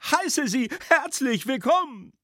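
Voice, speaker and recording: Drunk young schoolboy, shrill, shouting, heckling, a man doing the voice, dry close sound. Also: very animated, slow, dry recording, exaggerated voice. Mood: mocking.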